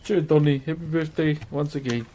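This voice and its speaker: This broad-accented Kiwi man says hello to his stream audience in a relaxed, friendly, slang-heavy chat. His voice is a little high and warm, with brisk pacing and fairly even intonation. Background noise is clearly audible.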